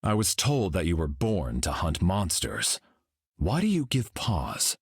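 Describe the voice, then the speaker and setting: Calm and grave, a solemn golden cosmic hero from a video game speaks with serene composure. The voice is very low and husky, its pitch lively and rolling, delivered a little slowly and heavily acted in a close, dry recording with no echo.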